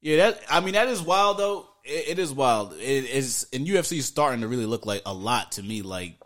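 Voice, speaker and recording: Dude on a podcast, bright sharp voice, slangy, does little impressions. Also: male voice, medium pitch, fairly quick. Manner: relaxed storytelling, slangy, mimics people. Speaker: podcast co-host. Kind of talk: casual chat.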